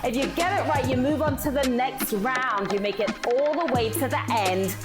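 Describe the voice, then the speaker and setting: A woman hosting a live trivia game show, energetic and playful, with a sing-song delivery. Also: high voice, normal speed. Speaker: quiz show host. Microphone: played through a phone app. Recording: background music from the app.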